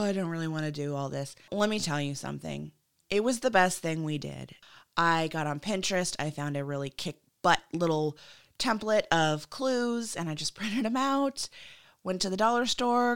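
A woman's voice: on the low side, clear, resonant tone. A woman in her thirties chats through her podcast in a joking, self-mocking way. She sits close to the mic. The sound is dry, with no room echo. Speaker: podcast host. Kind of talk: casual solo podcast chat.

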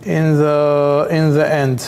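A somewhat high-voiced man leads a religious text class. He speaks haltingly, circling back and repeating words and fillers as he works through each point. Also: flat delivery, a little mellow. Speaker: rabbi teaching a Talmud class. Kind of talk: explaining halachic texts to a class.

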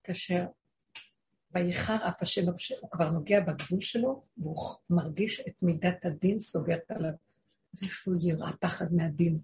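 Speaking in a lowish, darkish voice, a woman spiritual teacher leads a religious lesson, often throwing rhetorical questions at her audience and performing the voices of people she quotes.

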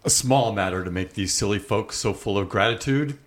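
A man voices a stern ghostly spirit in a radio play. His pitch is low, and he questions in a measured, challenging way. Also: close to an everyday voice. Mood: dry challenge. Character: stern, probing ghostly spirit guiding a miser. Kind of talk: live community radio drama acting.

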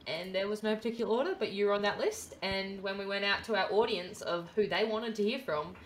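A young woman co-hosting a podcast, chatting casually and upbeat with quick asides. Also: medium pitch, reverberant, a little hiss or hum. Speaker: podcast co-host.

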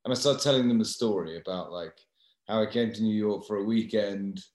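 Speaking fairly quickly in a lowish, darkish voice, an English guest recounts a tale with wry self-mockery during a casual chat. The recording has an echoey room sound.

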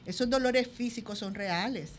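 A woman's voice: a little high, normal speed, slight background noise. A woman behavior specialist explaining at length on a radio talk show, speaking directly to the listener.

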